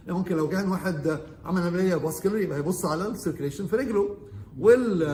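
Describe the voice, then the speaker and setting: A man's voice: sits high, a little mellow, reverberant, slight background noise. A man with an Egyptian Arabic accent, a surgeon giving an orientation lecture to medical interns. He quizzes the class and switches between Arabic and English medical terms.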